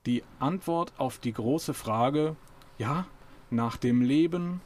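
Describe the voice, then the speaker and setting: A man voicing a vast, dignified supercomputer that speaks slowly and solemnly, in a radio reading of a novel. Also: medium pitch, a little mellow, natural voice. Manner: slow solemn pronouncing.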